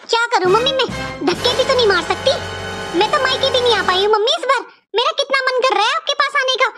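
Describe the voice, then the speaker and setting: A woman's voice: extremely high pitch, fast talker, bright, forceful tone, faint music behind. A woman voicing a house-proud, passive-aggressive sister-in-law in a cartoon, complaining in a whiny, sugary tone. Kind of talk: cartoon voice acting.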